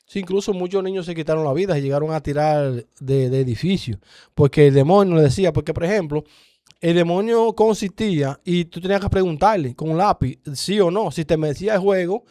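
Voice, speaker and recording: A man's voice: on the high side, a little fast, dark tone, dry recording, clean studio sound. A man with a Dominican accent earnestly giving a personal testimony in conversation, acting out the dialogue as he goes. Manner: earnest storyteller, acts out dialogue.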